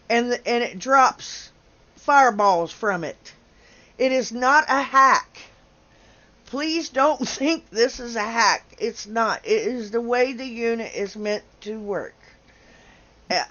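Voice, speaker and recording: A woman's voice: fairly high pitch, a bit bright, dull audio. A woman hosting a casual game livestream, chatty, laughing often and tripping over names. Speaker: livestream host.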